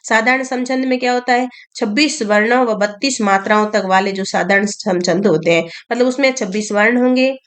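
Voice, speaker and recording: A woman teaching a grammar lesson to students, explaining slowly and repeating key terms as she asks and answers her own questions. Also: mid-range voice, fairly even intonation, fairly bright tone.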